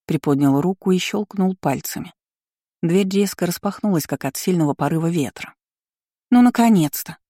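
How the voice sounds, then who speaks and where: An audiobook narrator reading a fantasy novel in a steady, even storytelling manner. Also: mid-range voice, normal speed, dry recording, clean studio sound.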